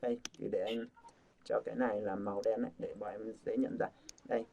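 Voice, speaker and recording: A man's voice: fairly low pitch, flat delivery, a little fast, gravelly, mellow, slight background noise. A man teaching English pronunciation to a group, coaxing and repeating sounds over and over. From Vietnam. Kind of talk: casual group lesson. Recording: dull lo-fi sound.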